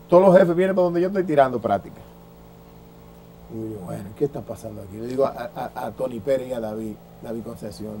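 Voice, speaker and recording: A Dominican man in his sixties, a former baseball pitcher, telling stories in an interview and acting out the dialogue he quotes. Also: slight background noise. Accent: Dominican Spanish. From Dominican Republic. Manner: lively storyteller who acts out quoted dialogue, with frequent restarts. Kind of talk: anecdotal storytelling in an interview.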